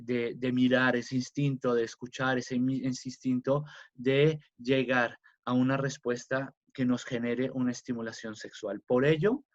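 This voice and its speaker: A man teaching a religious class in a slow, emphatic way, with fillers and restarts. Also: fairly high pitch. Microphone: video class recording. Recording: dull lo-fi sound.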